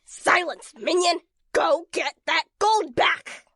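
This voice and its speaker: A woman's voice: extremely high pitch, animated, slow pace, full character voice. A woman voicing a haughty, bossy villain princess in a comedy audio drama, barking orders at her minions. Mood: imperious. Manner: imperious, shouting orders.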